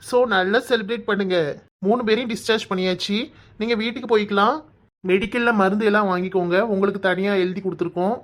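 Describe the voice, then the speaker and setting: A friendly cartoon doctor voiced by a woman in a plain, middle-pitched voice. She talks briskly and politely, dropping English words into her sentences. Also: natural voice. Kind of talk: cartoon voice acting.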